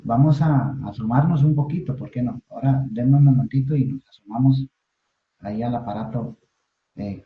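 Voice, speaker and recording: Man lecturing with many fillers, phone-like sound. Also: medium pitch. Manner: halting, many fillers and tag questions. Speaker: Bible Hebrew teacher. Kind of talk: recorded class lecture. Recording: echoey room over a phone-like line.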